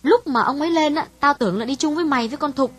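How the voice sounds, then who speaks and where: A woman voicing a frank, worldly young woman in an audiobook, speaking bluntly to a friend in a husky voice. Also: sits high, racing, no room sound, close to an everyday voice. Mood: earnest, candid. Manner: frank, dismissive storytelling. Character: calm, worldly young Vietnamese woman, older sister.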